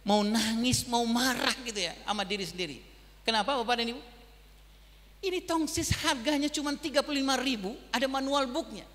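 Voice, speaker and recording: A middle-aged man gives a parenting seminar talk in a high, bright voice. He tells stories and acts out bits of dialogue, turning to the audience often. The sound carries a long reverb from the school hall he speaks in. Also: a little fast. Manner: addresses the audience as fathers and mothers again and again; storytelling, acts out dialogue in his own voice.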